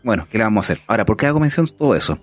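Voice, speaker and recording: A man's voice: lowish voice, very animated, racing, dry recording, soft background music. A man with a Chilean accent hosting a casual podcast, an enthusiastic, rambling storyteller. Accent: Chilean Spanish. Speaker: podcast host.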